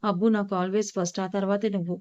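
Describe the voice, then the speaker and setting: A woman's voice: mid-range voice, flat delivery, quick pace, warm tone, dull audio, close to an everyday voice. A woman reading the lines of a sulky, sassy little girl who is loyal to her father. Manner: pert, sulky.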